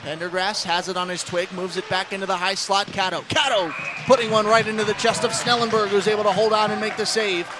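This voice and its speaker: Brisk and steady in tone, this American man's high voice carries live radio play-by-play of a hockey game as he describes the action like a classic announcer at the ice rink. Loud music and background noise sit behind his commentary.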